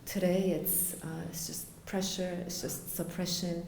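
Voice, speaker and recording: A woman from Florida answering interview questions earnestly, with frequent fillers and pauses. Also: lowish voice, little pitch movement, darkish tone, echoey room, slight background noise. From United States (Florida). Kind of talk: conversational interview.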